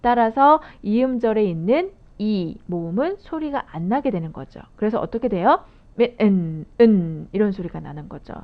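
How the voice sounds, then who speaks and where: A woman's voice: medium pitch, big pitch swings, moderate pace, hardly any pauses. A woman giving a recorded phonics lecture to teachers, explaining rules step by step and asking her viewers questions. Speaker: phonics instructor training teachers. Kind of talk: video lecture. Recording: dull lo-fi audio.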